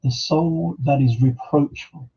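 A man's voice: on the high side, takes it slowly, dark tone, slightly rough, muffled recording. A man teaching an Islamic lesson on a podcast, reflective, with rhetorical questions and quoted Arabic scripture. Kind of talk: religious talk. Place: podcast studio.

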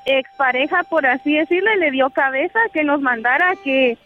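A woman calling into a radio show from a bus, speaking earnestly and softly. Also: high voice, moderate pace. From Mexico. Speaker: caller. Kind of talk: phone-in conversation. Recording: tinny phone line with music.

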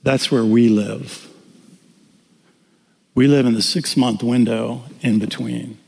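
Older guy preaching, lively storytelling, big echoey church hall. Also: mid-range voice, slow, gravelly, breathy edge. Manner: animated storytelling, acting out dialogue with humor. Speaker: pastor. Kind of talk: sermon with personal story. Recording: reverberant hall.

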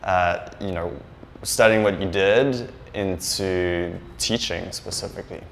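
A young man, hosting a casual podcast interview in a relaxed, hesitant way. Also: low-pitched, a little slow, vocal fry, slight background noise. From South Africa. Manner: relaxed, hesitant, restarts often. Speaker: podcast host.

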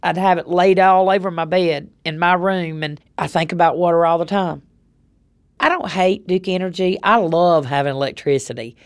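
A woman's voice: fairly low pitch, moderate pace, few pauses, clear, resonant tone. A woman with a Southern US accent telling her own story in a plain-spoken, conversational way. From North Carolina. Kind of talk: personal storytelling.

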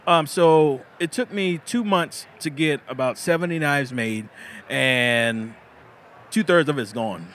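A man's voice: on the high side, takes it slowly, fairly bright tone. A man in his thirties, a bladesmith being interviewed at a food festival, talking earnestly with frequent restarts. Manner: earnest, restarts often, laughs easily. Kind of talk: casual interview. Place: busy food festival, indoors.

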